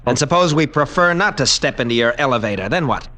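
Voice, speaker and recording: An actor playing a brash, defiant military lieutenant with old-fashioned hero bravado in a 1940s radio drama. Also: male voice, medium pitch, animated, quick pace, pushed and bright. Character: brash, defiant military lieutenant, tough skipper recounting his ordeal. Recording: noisy 1940s radio recording.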